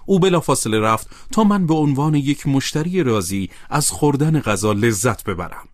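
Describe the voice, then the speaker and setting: Man reading an audiobook, lively pitch. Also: no echo, studio quality. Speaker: audiobook narrator. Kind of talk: audiobook narration.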